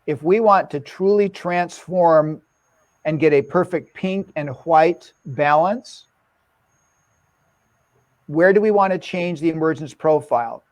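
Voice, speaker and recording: A man's voice: a little high, takes it slowly, long pauses, darkish tone, no echo. A man giving an enthusiastic online dental lecture, quizzing his audience with repeated questions.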